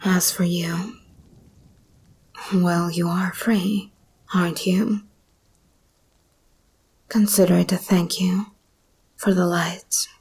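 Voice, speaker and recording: A woman plays a menacing, seductive female monster hybrid in ASMR roleplay, whispering breathily with deliberate, teasing slowness. Her fairly low voice is level, a little mellow, and exaggerated, with a wary, threatening mood.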